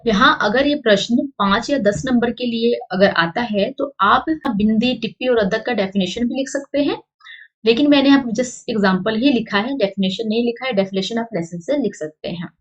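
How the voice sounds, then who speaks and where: A woman's voice: on the high side, dull audio. Woman teacher. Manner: reads text aloud, then explains it; repeats example words slowly to contrast sounds. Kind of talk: online grammar lesson.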